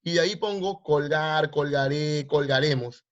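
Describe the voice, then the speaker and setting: A man's voice: fairly high pitch, normal speed, muffled recording. Man teaching a grammar class online. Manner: repeats questions, quizzes students. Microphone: video call.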